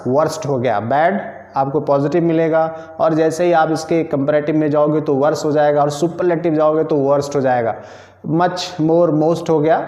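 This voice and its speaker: A man's voice: fairly high pitch, a little mellow. Man teaching a lesson in an echoey room. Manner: patient, repeats rules and spells words out letter by letter. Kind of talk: explanatory grammar lesson. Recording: roomy, echoing and dull lo-fi sound.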